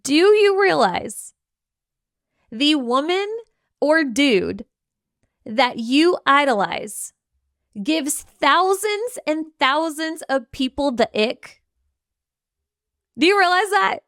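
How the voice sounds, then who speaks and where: A woman's voice: sits high, very animated, slow pace, pauses often, fairly bright tone, no room sound, studio quality. A woman hosting a podcast, giving a motivational monologue full of emphatic rhetorical questions and acted-out quotes. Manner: acts out quoted voices. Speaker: podcast host.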